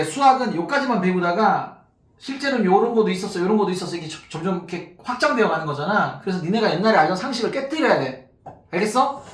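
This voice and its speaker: A man teaching a math class to students, talking casually and constantly checking that they follow. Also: high-pitched. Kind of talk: classroom lecture. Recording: echoey room, mic far off, faint noise.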